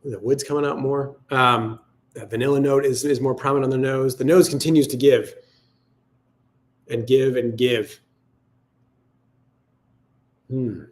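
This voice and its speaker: A man hosting a tasting gives casual sommelier tasting notes, thinking aloud in a musing, halting, reflective way. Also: mid-range voice, fairly even intonation. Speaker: wine tasting host.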